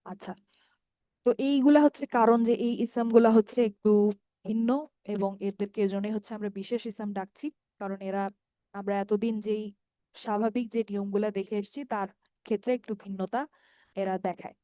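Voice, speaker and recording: A woman with a Bangladeshi accent teaching grammar over a call, her voice dark and mellow. The sound is dry and close, with no room around it. She goes step by step, draws out the vowels of each word form and keeps checking that her students follow. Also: medium pitch, fairly even intonation, dry recording. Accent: Bangladeshi Bengali. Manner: patient, explains step by step, often checks with "ঠিক আছে?"; repeats word forms slowly and draws out long vowels. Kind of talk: online grammar lesson.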